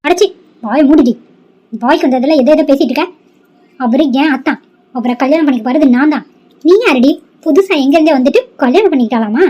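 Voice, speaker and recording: A jealous young cousin in a cartoon, voiced by a woman, fires off quick, combative scolding. The voice sits high and moves fast. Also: dark tone, muffled recording, lightly acted. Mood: angry, scornful.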